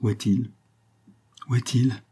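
Desperate countess begging the doctor, man doing her voice, husky and urgent. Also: medium pitch, steady tone, slow, dark tone. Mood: anxious pleading. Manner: urgent, pleading, raised voice. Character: anxious, feverish young countess pleading.

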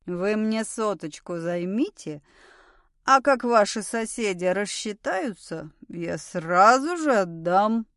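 A woman voicing a drunk, pestering village man who drawls slowly and wheedles. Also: mid-range voice, lively intonation, fairly bright tone, no room sound, clean studio sound. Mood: wheedling.

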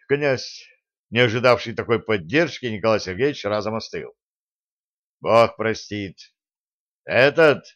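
A man narrating an audiobook in a steady storytelling manner. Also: lowish voice, no room sound. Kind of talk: scripted narration. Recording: dull lo-fi sound.

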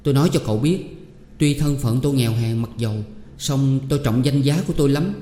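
A man's voice: medium pitch, fast, warm tone, pitched above the performer's own voice, lightly acted. A man voicing a proud poor young woman who answers firmly and with indignation. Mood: indignant. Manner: indignant, firm. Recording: echoey room with long reverb.

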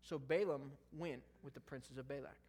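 A man's voice: medium pitch, fairly even intonation, moderate pace, a little mellow, husky. A man preaching a casual sermon, reading scripture aloud and breaking off into conversational, joking asides. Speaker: pastor.

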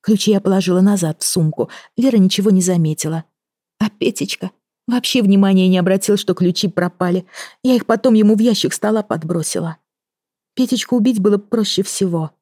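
A woman's voice: brisk, warm tone, dry recording, studio quality, natural voice. A woman reading an audiobook and voicing a desperate young woman who confesses to murders, in a pleading, breathless way. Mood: confessing. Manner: pleading, breathless, rising pitch.

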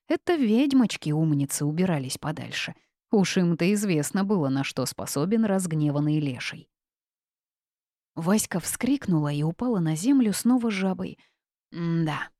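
A woman narrating a first-person storybook in a lively, expressive way, recorded on a close studio mic. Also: lowish voice, no echo. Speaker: audiobook narrator.

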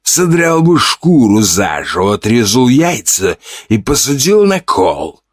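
A man's voice: mid-range voice, very animated, takes it slowly, no echo, clean studio sound, voice pushed up. A man voicing a cruel, mocking bandit leader in an audiobook, speaking with contempt. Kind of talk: audiobook character voice.

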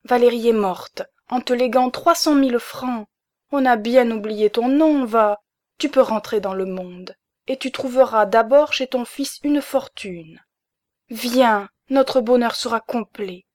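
A woman's voice: fairly high pitch, measured pace, a little mellow, no echo, studio quality, pitched above the performer's own voice, close to an everyday voice. A woman reading the part of an emotional middle-aged baroness who pleads urgently with her husband. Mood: pleading joy.

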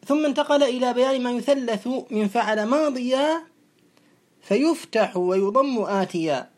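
A woman teaching classical grammar, explaining a text in a methodical way and repeating each verb form slowly. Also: fairly high pitch, lively intonation, a little mellow. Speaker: teacher of Arabic morphology.

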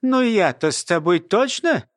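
A woman's voice: mid-range voice, animated, a little slow, no room sound, clean studio sound, voice pushed up, close to an everyday voice. A man voicing a sly old woman, a former nanny who mumbles and talks in a folksy way. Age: older.

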